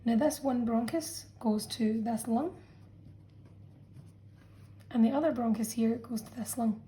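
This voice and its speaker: A woman's voice: on the high side, a little slow, mellow, a little hiss or hum, rough recording. A woman science teacher talking students through a revision lesson, explaining patiently and checking in with "okay" as she goes. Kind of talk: revision lesson narration over a drawn diagram.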